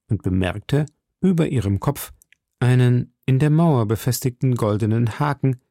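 Gravelly dark-voiced male narrator. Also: medium pitch, dry recording, studio quality. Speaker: audiobook narrator. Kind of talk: scripted narration.

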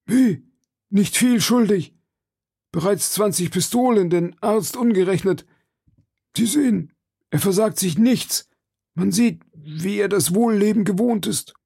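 A man reading an audiobook puts on a nervous innkeeper who frets and bows to his betters. The voice sits high and gravelly, husky and dark in tone, and close and dry on the mic. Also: unhurried, no room sound, exaggerated voice. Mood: anxious. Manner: fretful, servile. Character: anxious, deferential male innkeeper, middle-aged.

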